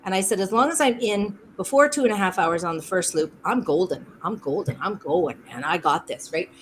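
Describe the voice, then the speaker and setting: A woman's voice: lowish voice, fairly quick, a little hiss or hum, rough recording. Chatty woman from Saskatchewan, laughing storyteller. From Saskatchewan, Canada. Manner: animated, laughing often, acts out quotes. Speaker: podcast guest. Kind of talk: storytelling in a conversation.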